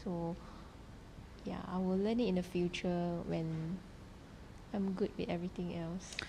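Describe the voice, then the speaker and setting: A woman's voice: lowish voice, little pitch movement, measured pace, warm tone, slight background noise, rough recording. A young woman in her twenties, a dentist being interviewed, giving hesitant, short answers. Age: 20s.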